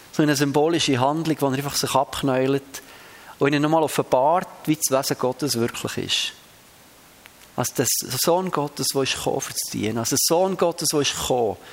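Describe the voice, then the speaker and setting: A man preaching a sermon, reading scripture aloud with shifting emphasis and talking to the congregation in a conversational way. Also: a little high.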